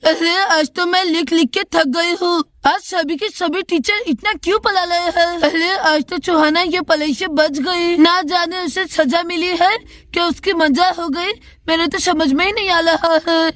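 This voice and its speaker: A mocking young schoolgirl doll from a storybook cartoon, voiced by a woman. Her voice sits very high and sounds dry, and she chatters in a gossipy, gloating way. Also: steady tone, a little slow, fairly bright tone, no echo.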